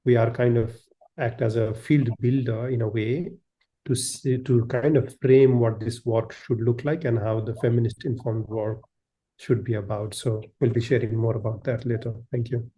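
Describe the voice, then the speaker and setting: A man from Nepal introduces himself and his organization to a panel. He is earnest and sometimes restarts a phrase. His voice is very dark and mellow, with little melodic movement. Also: medium pitch, steady tone, normal speed, low-quality recording. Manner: earnest, with restarts mid-sentence. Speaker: panelist, co-director of a network.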